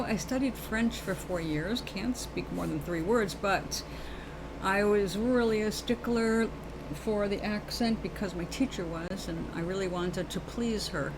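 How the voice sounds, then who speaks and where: She takes it slowly, her medium-pitched voice animated over a noisy background. A New Yorker with a New York accent, she hosts a live show full of casual, earnest, meandering spiritual talk, calling her listeners baby and darling.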